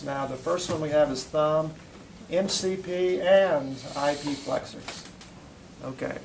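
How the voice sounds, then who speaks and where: Gravelly male instructor coaching a muscle test. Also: on the high side. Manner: coaching, repeats short commands while testing; quizzes students between steps. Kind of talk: hands-on classroom demonstration. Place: classroom. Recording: noisy classroom recording.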